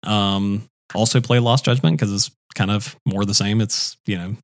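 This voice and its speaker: A man's voice: fairly low pitch, fairly even intonation, normal speed, no echo, studio quality. A young man co-hosting a casual podcast chat, rambling with lots of fillers and restarts. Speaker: podcast co-host.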